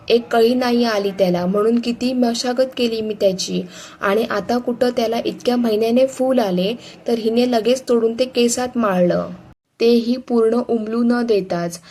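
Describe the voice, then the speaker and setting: A woman's voice: on the high side, fairly even intonation, normal speed, darkish tone. A woman reading the part of an irate middle-aged mother-in-law who scolds indignantly. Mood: scolding.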